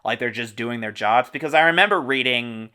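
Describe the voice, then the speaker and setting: A man hosting a relaxed movie talk, keen to share behind-the-scenes trivia. His voice is bright and smooth, very clean in tone. He talks with easy enthusiasm and the odd laugh. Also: medium pitch. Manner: enthusiastic, informative, quick asides with laughs. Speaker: podcast host. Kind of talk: casual movie discussion.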